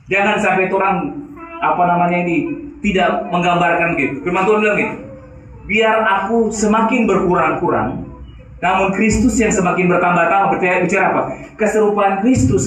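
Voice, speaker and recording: A man delivers an emphatic sermon, calling out rhetorical questions to the congregation. His voice sits fairly high for a man. It rings through a very echoey church hall, picked up from some distance off the mic. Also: a bit bright. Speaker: preacher.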